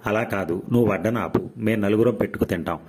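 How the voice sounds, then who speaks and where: A man voicing a gentle, patient older retired father who speaks softly. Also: on the low side, fast, a little hiss or hum, lightly acted. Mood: meek. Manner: soft, mild.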